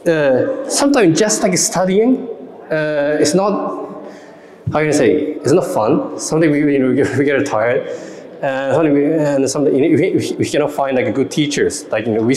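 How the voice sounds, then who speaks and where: A man in his thirties from Japan, with a Japanese accent, giving a casual, halting talk to a young audience with many fillers and questions. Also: medium pitch, lively intonation, darkish tone. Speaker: lecturer and festival speaker. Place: large hall, indoors. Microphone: stand microphone. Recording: roomy hall echo.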